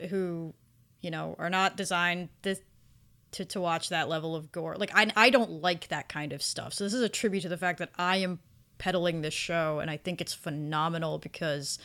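A woman with a fairly low, rather bright voice co-hosts a casual podcast reviewing anime. She's effusive and emphatic, repeating words to stress them.

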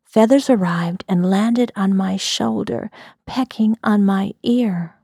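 Casting: woman storyteller, slow hushed delivery, mellow and husky. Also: mid-range voice, no room sound, studio quality. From US Midwest. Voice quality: soft, breathy whisper. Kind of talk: whispered storytelling.

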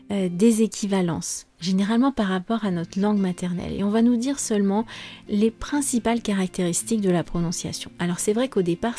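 A woman teaching her language on a podcast, explaining calmly with frequent fillers and pauses. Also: medium pitch. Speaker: French teacher and podcast host. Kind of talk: podcast lesson monologue.

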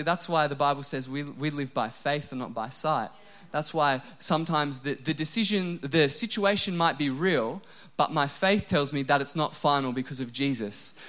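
A man in his younger adult years preaches with an emotional, self-deprecating energy. His voice sits a little high for a man, and he swings between lively bursts and hushed, intimate prayer. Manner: animated, self-deprecating, often drops to a soft low voice for prayers. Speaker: pastor. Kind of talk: sermon.

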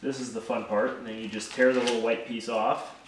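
A man's voice: mid-range voice, flat delivery. A man walking through how he packs orders step by step, casual and thankful, recorded a bit away from the mic in an echoey room with faint noise. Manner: slow, step-by-step explaining, thankful. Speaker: small business owner showing order packing. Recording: roomy echo, a bit distant, faint noise.

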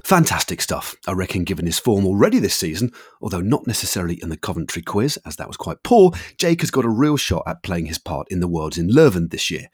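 A man's voice: sits low, very animated, fast, hardly any pauses, darkish tone, breathy edge. A middle-aged British man hosting a casual interview, chatty, matey and effusive with his enthusiasm. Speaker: podcast host.

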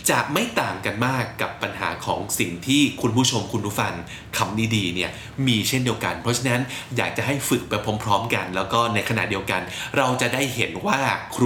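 A man's voice: on the low side, pushed and bright, roomy sound, slight background noise. A man with a Thai accent introducing a pronunciation segment in an earnest, explanatory way. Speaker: show host. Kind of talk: scripted introduction.

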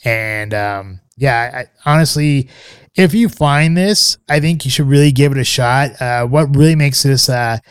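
In a dry, studio-quality recording, a podcast co-host rambles casually through a scotch review, relaxed and hesitant with many fillers and restarts. His mid-range voice is clear and resonant, delivered at a measured pace.

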